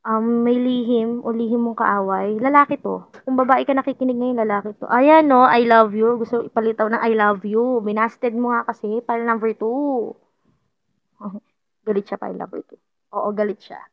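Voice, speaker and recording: A woman's voice: fairly high pitch, steady tone, moderate pace, gravelly, no echo, highs cut off. A woman doing a casual tarot reading for viewers, chatty and playful, often repeating herself and laughing. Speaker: tarot card reader.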